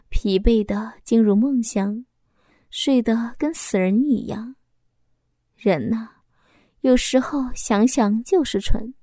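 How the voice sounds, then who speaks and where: Mellow, high-voiced woman telling a story. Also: no echo, studio quality. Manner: intimate, confessional storytelling. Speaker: audiobook narrator. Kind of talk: scripted first-person story narration.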